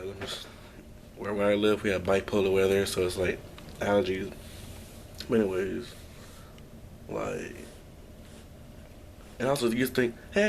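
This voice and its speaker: A man's voice: medium pitch, slight background noise. A young man talking to his camera at home in a rambling, downbeat personal vlog, full of restarts and sighs. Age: young adult. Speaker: vlogger. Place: at home, indoors.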